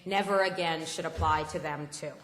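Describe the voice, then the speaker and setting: A woman giving an impassioned public speech at an assembly, often pausing with fillers. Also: deep voice, steady tone, noisy background. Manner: impassioned, halting with many fillers. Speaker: speaker at a political assembly. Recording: echoey hall, roomy long reverb.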